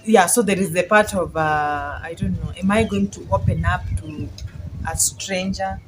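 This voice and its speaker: A woman's voice: fairly low pitch, moderate pace, noisy background. A woman with a Kenyan accent hosting a casual video chat, feeling her way through her phrases. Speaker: channel host.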